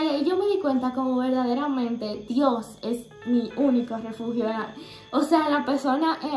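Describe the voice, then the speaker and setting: High-pitched young woman sharing a faith testimony, earnest and halting, roomy echo. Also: darkish tone. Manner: earnest, halting, many fillers and restarts.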